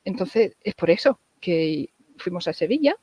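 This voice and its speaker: A woman's voice: lowish voice, expressive, measured pace, a little mellow, breathy edge, dry recording. A woman from England, a native English speaker, chatting casually as an interview guest in Spanish with an English-tinged Andalusian accent, hesitant and repeating words.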